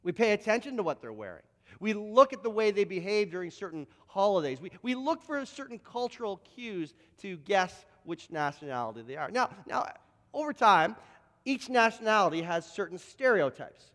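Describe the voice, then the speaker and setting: High-voiced pastor in a reverberant hall. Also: male voice, normal speed. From Canada, Toronto. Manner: lively anecdotes, frequent word repeats and restarts. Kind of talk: storytelling sermon.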